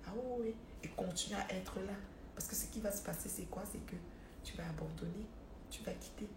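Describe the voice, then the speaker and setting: A woman's voice: medium pitch, fairly quick. A woman hosting a live stream, chatting casually and animatedly to her followers, repeating words as she goes. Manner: animated, repeats words, talks straight to viewers. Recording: roomy echo with faint background noise.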